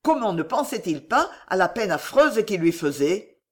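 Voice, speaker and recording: A woman narrating a novel as an audiobook, in a dramatic, expressive way. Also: mid-range voice, moderate pace.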